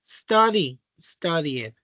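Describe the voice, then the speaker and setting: A Mexican man reviews English verb rules for his online class, speaking slowly and patiently and checking often that students follow. His voice is bright and clear, close and dry on the mic. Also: fairly high pitch, expressive, no echo. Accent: Mexican Spanish. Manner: patient, explanatory, checks with frequent "¿sí?". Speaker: English teacher.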